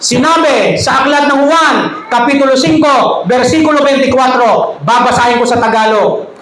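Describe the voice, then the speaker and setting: A woman's voice: high voice, normal speed, a little hiss or hum. A woman pastor giving a sermon to a congregation. She tells jokes, laughs along, and speaks directly to her listeners. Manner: humorous preaching with jokes and laughter. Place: church hall. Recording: echoey hall with faint ambience.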